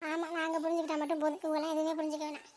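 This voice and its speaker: A woman voicing Meena, a sharp-tongued young wife, high and rapid. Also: monotone, slight background noise, close to an everyday voice. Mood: playful. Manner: fast, teasing, talkative.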